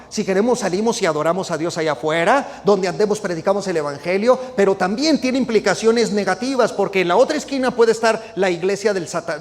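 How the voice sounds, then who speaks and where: A male preacher, talking in an emphatic sermon style full of rhetorical questions and fillers. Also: high voice. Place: United States. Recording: long reverb hall sound.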